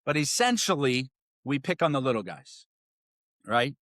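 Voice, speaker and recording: A man's voice: mid-range voice, sing-song, a little slow, a bit bright, no room sound, clean studio sound. A man hosting a political podcast, ranting with angry, sarcastic, profane commentary. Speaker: podcast host.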